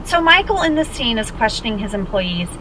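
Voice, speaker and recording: A woman's voice: on the high side, big pitch swings, fairly quick. A woman co-hosting a podcast, telling stories in a casual recap style and quoting other people as she goes. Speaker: podcast co-host. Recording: podcast heard over clear car and road noise. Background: vehicle and outdoor traffic noise.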